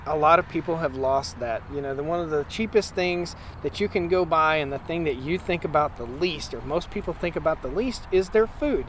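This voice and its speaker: At an outdoor conference, a man in his 40s who farms a homestead gives a casual, emphatic interview, speaking plainly with frequent restarts. He talks a little fast with few pauses in a fairly high, somewhat bright voice, over slight background noise.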